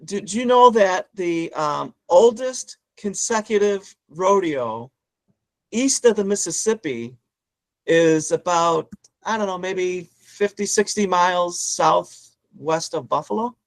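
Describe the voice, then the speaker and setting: A man's voice: high-pitched, animated, slow pace, no echo. A man chatting casually as a podcast co-host. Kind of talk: casual chat.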